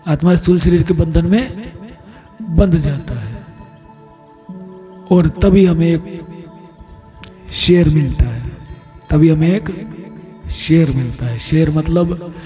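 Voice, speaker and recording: High-voiced male preacher, mellow tone. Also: takes it slowly, long pauses, soft background music. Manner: explains by asking and answering his own questions. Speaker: spiritual preacher narrating a scripture discourse.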